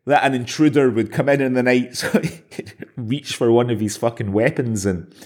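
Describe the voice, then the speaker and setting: A man's voice: medium pitch, moderate pace, darkish tone. A man co-hosting a podcast, sharing personal anecdotes in casual conversation. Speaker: podcast co-host.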